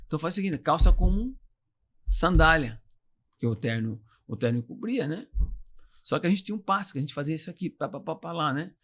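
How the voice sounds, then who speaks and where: Here a podcast guest who used to play football talks casually in a voice that's a little high and fairly quick. His accent is from the São Paulo interior, and he spins lively, funny anecdotes about his playing days, chuckling throughout.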